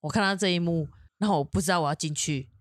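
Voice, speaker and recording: A young woman, co-hosting a podcast, telling a personal story in an animated way and breaking into high laughing bursts. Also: quick pace, dry recording, studio quality. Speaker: podcast co-host. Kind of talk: casual storytelling chat.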